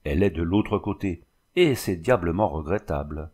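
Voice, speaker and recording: A man's voice: low-pitched, lively intonation, normal speed, a little mellow, breathy edge. A man voicing an irritable middle-aged neurologist who speaks in curt, sardonic grumbles. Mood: grumbling.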